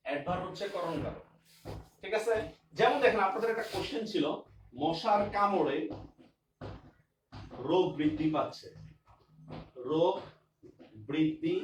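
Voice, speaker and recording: Male teacher, high voice, keeps checking understanding, distant mic, roomy echo, faint background noise. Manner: repeats examples and keeps asking if students understand. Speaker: grammar teacher. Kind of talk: online class lecture.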